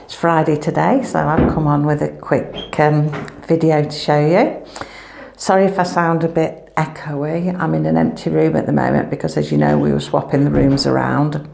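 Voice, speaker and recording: A woman's voice: low voice, little pitch movement, moderate pace, vocal fry, darkish tone, a little hiss or hum. A woman, rambling chattily in a casual family vlog, her voice echoing in an empty room at home through a clip-on microphone. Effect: echoey empty room. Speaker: family vlogger.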